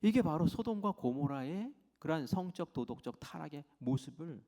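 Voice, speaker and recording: A male pastor preaches in a fairly high, gravelly voice, acting out the story with sudden swings between loud lines and hushed whispers. His words ring out with a long reverb, as in a church sanctuary. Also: animated, moderate pace. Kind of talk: sermon.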